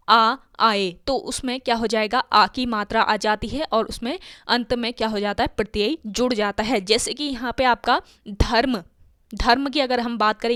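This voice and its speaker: Female tutor, slightly high voice, dry close recording, patient explainer who quizzes and answers herself. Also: a bit bright, clear, resonant tone, no echo. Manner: explains step by step, asks and answers her own questions. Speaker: teacher. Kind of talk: exam-prep grammar lesson.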